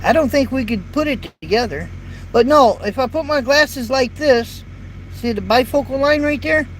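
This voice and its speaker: A truck driver in his fifties rambles folksily through a casual live chat with viewers from his parked cab, repeating words along the way. His light voice is extremely high-pitched and comes at a normal speed. The recording, made on a built-in phone or camera mic, is rough and carries faint road and traffic noise.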